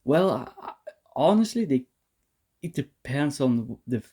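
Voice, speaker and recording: A man's voice: mid-range voice, big pitch swings, measured pace, mellow, husky. A man giving a heated, profane rant to camera as a vlogger, often restarting and repeating words. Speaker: vlogger reviewing a series.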